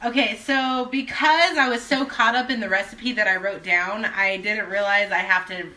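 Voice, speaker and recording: A woman's voice: mid-range voice, steady tone, normal speed, bright, forceful tone, poor audio. A tipsy woman giving a loose, rambling cooking vlog, thinking aloud in a casual way. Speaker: home cook hosting a cooking video. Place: home kitchen.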